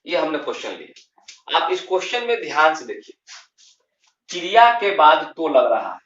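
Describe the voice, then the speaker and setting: A man teaching English grammar in a lesson, slow and emphatic, repeating key terms and answering his own questions. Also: a little high, big pitch swings, fairly bright tone. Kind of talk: classroom lesson explaining grammar. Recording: roomy, distant, dull lo-fi sound.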